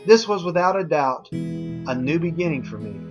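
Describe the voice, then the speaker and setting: A man's voice: a little high, sing-song, moderate pace, music in the background. A man presenting a scripted infomercial as a wellness coach, speaking directly to viewers in an earnest, folksy way with a personal testimonial tone.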